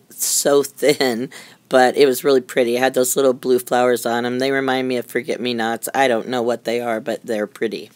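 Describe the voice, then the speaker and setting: A woman's voice: very deep voice, a little mellow, no echo. A middle-aged woman giving a casual, chatty show-and-tell of her handmade crafts, rambling and easily amused. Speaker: craft maker showing handmade journals. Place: indoors at a craft desk.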